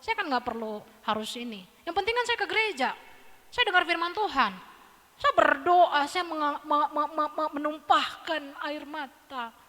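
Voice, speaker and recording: A woman preacher giving a lively, humorous sermon in a church, acting out little scenes. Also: high-pitched, normal speed. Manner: animated, humorous, acts out voices. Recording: church hall reverb.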